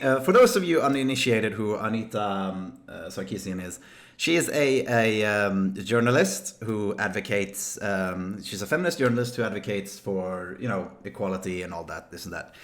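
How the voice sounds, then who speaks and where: A man's voice: lowish voice, moderate pace. A young man hosting a casual podcast, laughing at his co-host and cutting in with exasperated, profane exclamations before explaining context.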